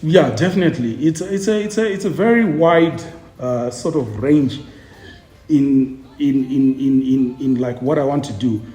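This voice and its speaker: A man's voice: medium pitch, moderate pace, dark tone. A man in his forties from Zimbabwe, a tour guide and author, talking casually in an interview, chatty and jokey, often repeating words while he searches for the next ones. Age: 40s. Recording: roomy echo.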